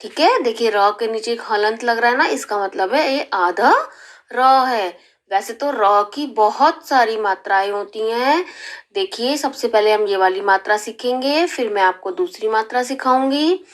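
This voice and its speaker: A woman teaching young children in a slow, careful lesson style, stretching out syllables and often checking in with the class. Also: fairly high pitch. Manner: drawn-out syllables, frequent rising "theek hai" checks. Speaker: primary school teacher.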